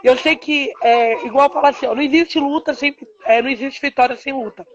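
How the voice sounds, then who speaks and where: A woman's voice: high voice, brisk. Woman retelling what happened, lots of "é" and quoting people, audio kinda dull like a video call. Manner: tells events with quoted dialogue, hesitant fillers. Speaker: mother telling her story. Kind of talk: emotional personal testimony on a live stream.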